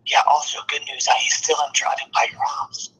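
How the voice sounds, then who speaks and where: A man calling in on speakerphone, talking in a loud hoarse whisper so he won't wake a sleeping child. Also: brisk, a little hiss or hum. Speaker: caller, friend of the host. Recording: tinny phone line.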